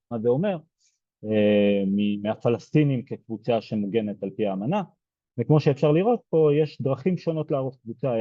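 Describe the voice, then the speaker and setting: A soft-spoken man from Israel giving a lecture, hesitant, with many fillers and restarts. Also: fairly low pitch, dry recording, muffled recording. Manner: soft-spoken, hard to hear. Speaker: genocide studies lecturer. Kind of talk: explaining lecture.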